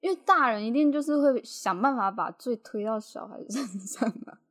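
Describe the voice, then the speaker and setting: A woman with a Taiwanese Mandarin accent, co-hosting a podcast and telling childhood stories in an animated way, laughing often. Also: a little high, moderate pace. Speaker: podcast co-host. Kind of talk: casual chat.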